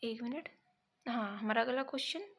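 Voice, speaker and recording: Woman teacher going over test questions step by step, stops now and then to check her notes, voice a bit high. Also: fairly bright tone. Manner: reads options then corrects them step by step; pauses to check notes mid-sentence. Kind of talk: exam prep lesson.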